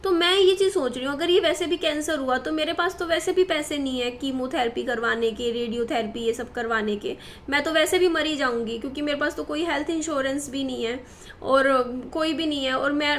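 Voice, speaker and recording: A vlogger in her thirties talks personally to the camera, rambling anxiously to her viewers with lots of fillers and false starts. Her voice is high-pitched and fairly bright, and she speaks briskly. A faint hiss or hum sits in the background.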